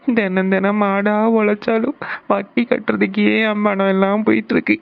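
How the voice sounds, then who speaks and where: Woman putting on a tearful despairing cartoon dad, mid pitch, muffled sound. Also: flat delivery, moderate pace, gravelly, dry recording, close to an everyday voice. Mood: grieving. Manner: sobbing lament. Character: grieving poor father of five daughters. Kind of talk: cartoon family serial voice acting.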